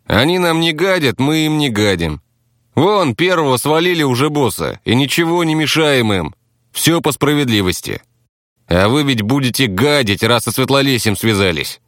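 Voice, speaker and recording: A man's voice: mid-range voice, a bit bright, no room sound, clean studio sound, pitched above the performer's own voice. A man voicing a crude, defiant captive gang fighter who swears and blusters. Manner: coarse, swearing, blustering, addresses others as brother.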